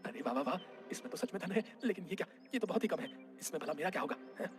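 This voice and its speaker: A man voicing a greedy, boastful village man who talks in loud, over-the-top exclamations in a cartoon story. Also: sits high, animated, very fast, over music. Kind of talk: cartoon dubbing.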